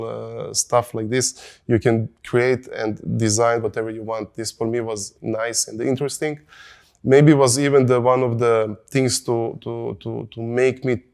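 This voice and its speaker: A man's voice: medium pitch, darkish tone. A man from Croatia speaking English, a car designer in an interview clip who halts and searches for words. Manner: halting, searching for words, repeats himself.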